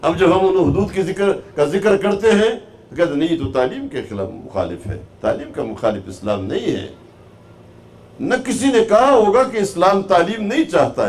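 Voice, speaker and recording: A man's voice: medium pitch, darkish tone. A man giving an Islamic lecture to a class as a religious teacher, asking the listeners rhetorical questions and rising to stress his points. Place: class hall.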